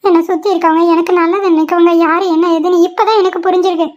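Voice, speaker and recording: A woman's voice: extremely high pitch, steady tone, fast talker, darkish tone. A woman voicing an emotional young pregnant wife in a cartoon, pleading and often tearful. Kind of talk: cartoon voice acting. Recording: dull lo-fi sound.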